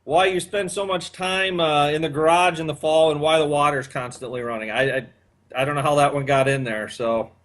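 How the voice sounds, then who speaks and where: A man's voice: on the high side, a bit bright. A man in his fifties hosting a casual chat, rambling with many fillers. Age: 50s. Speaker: podcast host.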